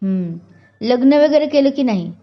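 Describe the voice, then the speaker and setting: A woman's voice: sits high, expressive, normal speed. A woman voicing a young male police inspector who is polite, eager and chatty. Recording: dull lo-fi recording.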